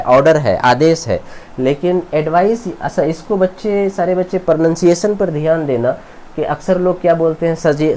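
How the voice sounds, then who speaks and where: A man's voice: a little high, mellow. Guy teaching english grammar, repeats stuff, keeps quizzing the kids, bit of background hiss. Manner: explains slowly, repeats terms and asks the students questions. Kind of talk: classroom lecture in Hindi mixed with English.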